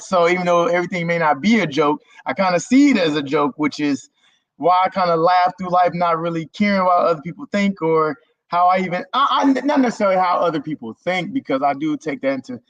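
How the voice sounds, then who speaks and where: Over dull lo-fi stream audio with a dry sound, a German man, a content creator guest, chats about himself in an easygoing, rambling interview. He speaks fairly quickly in a fairly bright voice on the high side.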